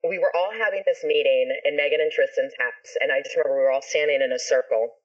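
A woman singer, a guest on a podcast, telling a story in a lively, expressive, casual way and swearing freely. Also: low-pitched, fast talker, dull audio.

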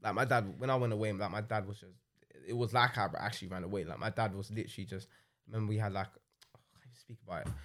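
A man's voice: on the low side, steady tone, fast talker, fairly bright tone. A young man with a London roadman accent, chatting casually and telling anecdotes in heavy slang, tagging sentences with "innit". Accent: London-style urban British, roadman slang. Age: young adult.

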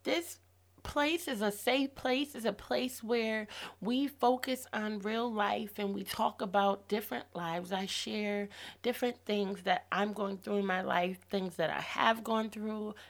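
A woman in her thirties hosts a faith-based podcast with a hoarse, gravelly voice, having lost it. She encourages her listeners in an upbeat way, speaking at a middle pitch with a steady tone and measured pace.

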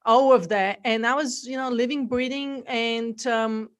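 A woman's voice: fairly high pitch, fairly even intonation, a little slow. Middle-aged woman, Bulgarian accent with Australian and American hints, chatty interview guest. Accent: Bulgarian, mixed with Australian and American. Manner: warm storytelling, frequent fillers and laughs. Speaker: podcast guest. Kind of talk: casual interview chat.

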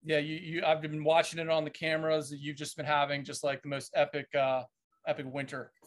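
An American man hosting a casual interview, speaking haltingly and enthusiastically with surfer slang. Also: on the high side, monotone. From United States. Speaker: show host.

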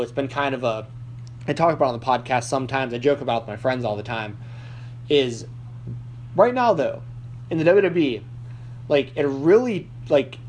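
A Nashville wrestling podcast host talks in a slightly high voice, rambling casually with frequent restarts, fillers and "likes." There's slight background noise.

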